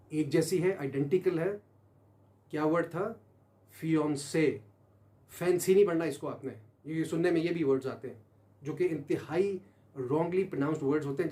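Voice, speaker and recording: A man gives a pronunciation lesson, spelling words out slowly and repeating them for the listener. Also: fairly high pitch, mellow. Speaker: teacher.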